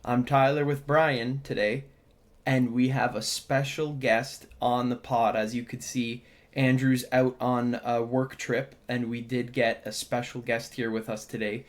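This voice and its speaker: Friendly male host, mid-pitched voice, casual and enthusiastic. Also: little pitch movement, unhurried. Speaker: podcast host. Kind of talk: casual podcast hosting.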